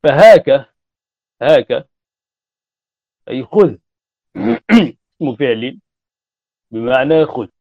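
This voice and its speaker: A man giving a classroom grammar lecture, repeating and spelling out word forms deliberately. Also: mid-range voice, very animated, vocal fry, mellow, dry recording. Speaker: grammar teacher. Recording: dull lo-fi recording.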